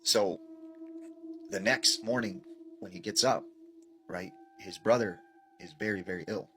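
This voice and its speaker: A man casually retelling a scary story, rambling with filler words and dropping quiet at the tense parts. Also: lowish voice, a little slow, a little hiss or hum.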